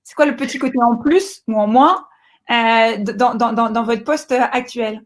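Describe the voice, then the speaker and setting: A woman's voice: on the high side, unhurried. A woman interviewer asking questions with hesitations and restarts.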